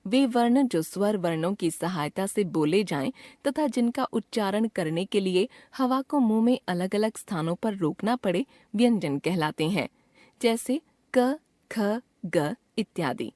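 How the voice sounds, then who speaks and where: A woman's voice: medium pitch, expressive, warm tone, no echo. A woman reading out a scripted grammar lesson as a teacher, carefully drawing out each sound she names. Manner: slow, careful, drawn-out enunciation of sounds.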